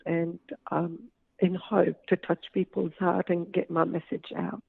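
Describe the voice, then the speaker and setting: Over a tinny, dry phone line, a Lebanese author gives an interview from home in a lowish, level voice that's a little slow, slightly rough, and touched with vocal fry. She's earnest, though her speech includes hesitant fillers, and there's no room sound.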